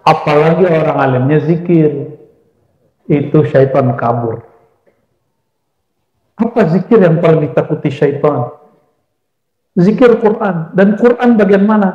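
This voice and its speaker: A man's voice: a little high, a little slow, pauses often. A male Islamic preacher giving a sermon, asking his audience questions and answering them himself, sometimes chanting verses. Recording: echoey dull-sounding hall.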